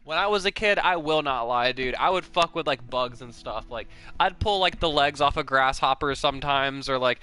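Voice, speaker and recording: Bright-voiced rambling young man streamer. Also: mid-range voice, normal speed, hardly any pauses, clean tone. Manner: rambling, profane, peppered with "like". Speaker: livestreamer. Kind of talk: casual chat.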